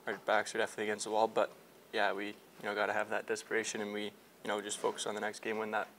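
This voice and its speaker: Rapid-fire and monotone, a young hockey player with a fairly low, slightly bright voice responds to a post-game media scrum in the locker room. Several reporters hold handheld mics close, there's slight background noise, and he fills his answers with fillers and restarts.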